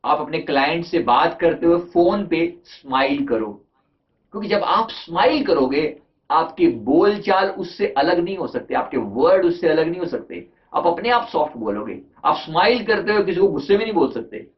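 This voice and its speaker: A man's voice: fairly high pitch, expressive, normal speed. A man, a life coach, giving a conversational motivational talk on communication, asking his listeners rhetorical questions and mixing in English terms. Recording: dull lo-fi recording.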